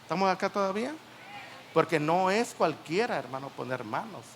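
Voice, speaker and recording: Gravelly high-voiced man preaching a sermon. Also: expressive, normal speed, a little hiss or hum. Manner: rhetorical questions to the congregation. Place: church service.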